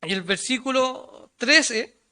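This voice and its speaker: A man's voice: lively intonation, slow pace. A male preacher with a Chilean Spanish accent delivering a sermon, asking rhetorical questions, answering them himself, and reading scripture aloud. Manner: voice rises loud and high when quoting the crowd, drops low and quiet on asides.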